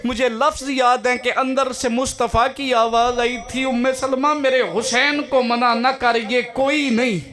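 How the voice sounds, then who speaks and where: A man reciting a Muharram majlis sermon at a mourning gathering, in a weeping, wailing delivery with slow, drawn-out lines. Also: very high voice, pushed and bright.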